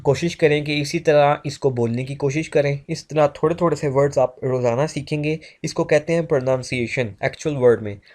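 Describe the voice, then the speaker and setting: A young man talks through a spoken English lesson. His voice sits a little high for a man. He slows right down and exaggerates the example words to show how they are pronounced. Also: darkish tone. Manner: slow, exaggerated demonstrations of English pronunciation. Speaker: English teacher.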